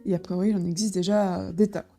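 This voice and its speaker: A woman's voice: fairly low pitch, fairly even intonation, fast, vocal fry, dark tone, faint music behind. A woman casually presenting a board game as she unboxes it, with frequent fillers and restarts. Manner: hesitant, many fillers and restarts.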